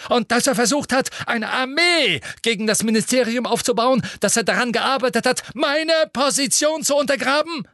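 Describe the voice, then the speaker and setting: A man's voice: high-pitched, animated, normal speed, no echo, clean studio sound, voice pushed up. A man voicing a blustering, gloating middle-aged male minister who barks his lines in an audiobook reading. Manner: shouting, barking, gloating.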